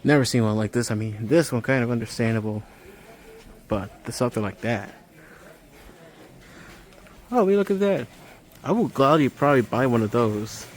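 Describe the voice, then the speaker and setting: This is a man with a mid-range voice, vlogging as an amateur while wandering a large home improvement store. His commentary is casual, halting and engrossed, recorded on a handheld phone amid noticeable store background noise.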